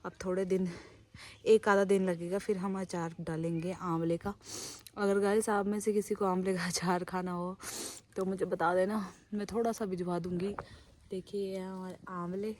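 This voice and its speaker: A young woman vlogs into a hand-held phone out on a breezy rooftop, talking in a chatty, rambling way. Her voice is hoarse from a sore throat and a bit breathless, with a mellow, soft tone. Faint noise sits behind her. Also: lowish voice, flat delivery, normal speed. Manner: chatty, addresses viewers as guys. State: short of breath after stairs. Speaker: vlogger. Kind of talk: casual vlog chat. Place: outdoors on a rooftop, windy.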